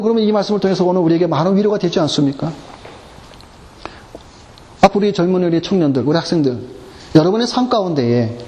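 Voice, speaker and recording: A man's voice: high voice, a little mellow, in a large hall. A man preaching a sermon as pastor, asking the congregation rhetorical questions. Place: church.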